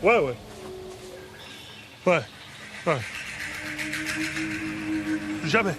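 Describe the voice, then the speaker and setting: An actor playing a brash, excitable young man who yells and boasts in a comedy film. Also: on the high side, extremely slow, music in the background. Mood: indignant. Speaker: film character. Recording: film scene with crowd and noise.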